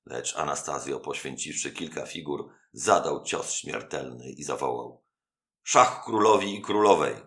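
Very deep, gravelly male storyteller. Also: a bit bright. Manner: measured, dramatic storytelling. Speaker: audiobook narrator. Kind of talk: literary audiobook reading.

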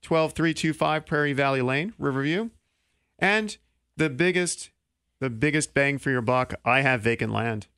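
A man in his thirties hosting a local radio talk show in a small studio, speaking into a studio mic with quick, joking delivery. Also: medium pitch, a bit bright, clean tone, no echo. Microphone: studio mic on boom arm.

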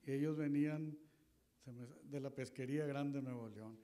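On an auditorium stage with a handheld mic, a middle-aged guest historian from northern Coahuila, Mexico, talks at a moderate pace in a medium-pitched, steady, mellow voice. The public history talk is folksy and rambling, with plenty of fillers and restarts.

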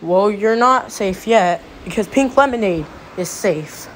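A woman's voice: medium pitch, lively intonation, a little slow, natural voice. A woman voicing a bossy object who hosts a homemade cartoon contest, announcing challenges and results. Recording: noisy home recording.

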